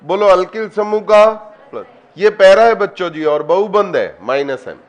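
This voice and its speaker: A man's voice: sits high, normal speed. A man teaching an online chemistry class, quizzing his students, coaxing them to answer and calling on them by name.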